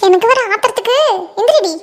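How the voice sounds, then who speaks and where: A voice actor playing a scolding older village mother-in-law in a cartoon comedy, nagging and shrill. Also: lively intonation, fast.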